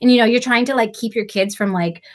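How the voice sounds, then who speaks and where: A middle-aged woman hosts a live stream on a video call and talks about tutoring in an animated, chatty way. She laughs often and scatters fillers through her speech. Her voice sits a little high. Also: fast talker. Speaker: host, reading tutor. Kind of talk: casual live-stream chat.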